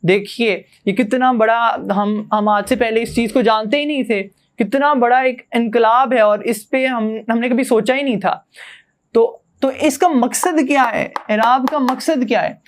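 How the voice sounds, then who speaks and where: A young man from Pakistan, a university student, giving a classroom grammar lesson and patiently explaining with rhetorical questions. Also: very high-pitched. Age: young adult. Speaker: student teacher.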